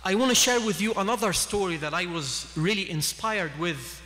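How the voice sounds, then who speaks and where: A man's voice: high voice, lively intonation, normal speed, pushed and bright. A man in his thirties from Egypt giving an earnest sermon at a lectern mic in a large mosque hall, gesturing as he speaks. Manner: earnest, gesturing with both hands. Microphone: standing mic at a lectern. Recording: long hall reverb.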